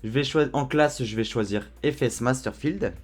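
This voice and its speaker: A man walking viewers through a software tutorial in a relaxed, chatty way, with frequent fillers. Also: mid-range voice, normal speed, soft background music. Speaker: tutorial host. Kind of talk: screen-recorded software tutorial.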